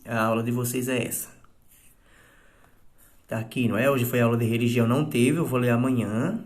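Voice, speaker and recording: A man's voice: medium pitch, fairly even intonation. A man teaching a recorded class lesson to children, explaining patiently step by step and often checking "tá bom?" with his pupils. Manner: acts out sample exclamations in a raised, drawn-out voice.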